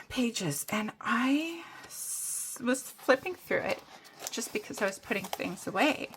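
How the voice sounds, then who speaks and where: A woman's voice: fairly high pitch, bright, forceful tone, husky. Chatty woman showing her coloring books. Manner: chatty, rambling, many fillers and restarts. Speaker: coloring hobby vlogger. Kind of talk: casual show-and-tell chat.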